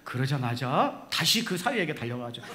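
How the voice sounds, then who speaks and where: Man pastor, animated storyteller in the pulpit, bright and lively. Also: medium pitch, moderate pace. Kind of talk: sermon. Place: church sanctuary.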